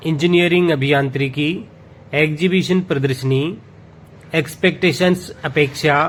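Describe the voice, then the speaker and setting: Man slowly reading a word list. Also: fairly high pitch, slight background noise. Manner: steady list-reading with self-corrections. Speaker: vocabulary teacher.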